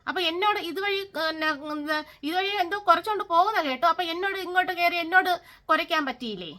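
A woman vents in a personal vlog, scolding and sarcastic. Her voice sits high and sounds bright and sharp. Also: fast talker. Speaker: vlogger. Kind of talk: angry personal vlog rant.

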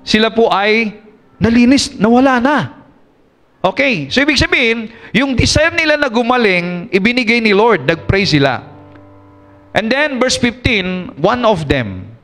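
A male pastor with a Filipino accent preaching a sermon, reading scripture slowly and asking the congregation questions. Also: high voice, fairly bright tone. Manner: switches between Tagalog and English, reads scripture slowly.

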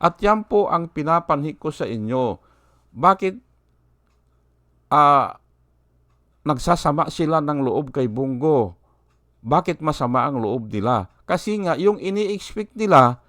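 Slow preachy man. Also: on the high side, a bit bright, dry recording, clean studio sound. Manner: rhetorical, keeps asking "hindi ba?", quotes scripture. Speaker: political commentator. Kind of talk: political commentary vlog with preaching.

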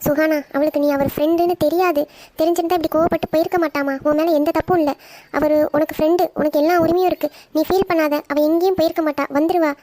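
A woman voicing a worried, tearful mother in an animated story, pleading in a high voice. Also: fast, natural voice.

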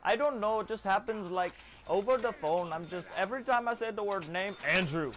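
Chirpy tech-support caller in a put-on Indian English accent, done by a man, higher than his usual voice, polite singsong script. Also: fairly quick, natural voice. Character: male call-centre tech support worker.

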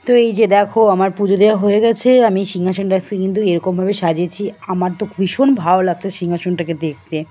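A woman talks to her viewers in a relaxed, chatty vlog. Her voice sits at a middling pitch, and she speaks straight to the camera. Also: fast talker, hardly any pauses. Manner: chatty, talking directly to viewers. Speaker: vlogger. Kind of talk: casual vlog narration to camera.

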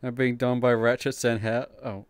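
In a smooth, level, mid-range voice with no echo, a man livestreams from a virtual world. His banter is casual and teasing, and he giggles and laughs at the slightest prompt.

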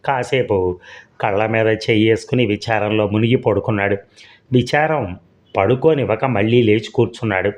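A man narrating a serialized story in a steady, measured reading. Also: lowish voice. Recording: dull lo-fi recording.

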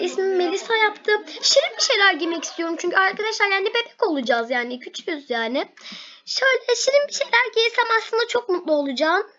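A young girl with a very high, bright voice chats excitedly and giggles while playing a game at home. Her voice is a little hoarse from talking loudly. The recording sounds dull and lo-fi. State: losing her voice. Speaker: gaming vlogger. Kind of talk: excited gameplay chat.

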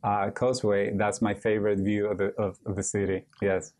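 Low, flat-voiced man from Argentina. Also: a little fast. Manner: earnest, with many restarts and short yeses. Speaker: yoga teacher, interview guest. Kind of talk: studio interview. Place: TV studio set.

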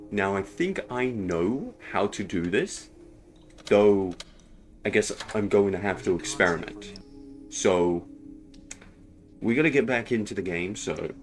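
A man hosting a casual horror game playthrough, thinking out loud and exclaiming at scares. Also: on the low side. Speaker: gaming video host.

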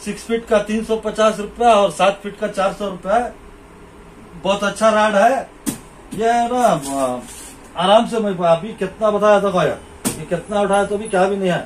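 A man's voice: high-pitched, normal speed, a little hiss or hum, low-quality recording. A middle-aged man from India in a small shop, casually demonstrating fishing gear to a camera and repeating his points to the viewer. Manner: repetitive, points things out to the viewer. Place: small cluttered shop, indoors.

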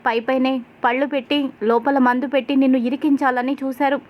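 Woman voicing a young husband, loyal, hot-tempered, high-pitched, plain storytelling read. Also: little pitch movement, brisk, lo-fi sound, close to an everyday voice.

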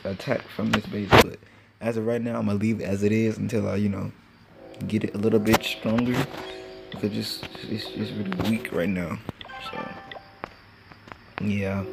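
Recording with his phone's screen recorder at home while a train goes by outside, a teenage gaming channel host chats loosely over a mobile game. His voice is lowish and gravelly, and fillers crop up constantly.

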